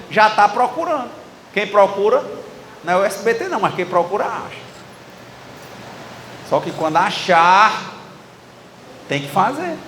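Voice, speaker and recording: A man with a Ceará accent gives a sermon in a conversational tone, often slipping into quick imitations of other people's lines. His voice sits high for a man. It carries through a reverberant hall with a faint murmur of ambience behind it. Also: fairly bright tone, slight background noise. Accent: Ceará, Brazil. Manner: conversational, acting out dialogue with the audience. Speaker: preacher. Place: church hall with live audience.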